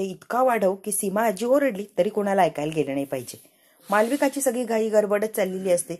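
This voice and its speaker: A woman retells a TV serial episode in a chatty, casual way and voices every character herself. Her voice is mellow and warm. She keeps a lively storytelling tone. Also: medium pitch. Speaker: narrator.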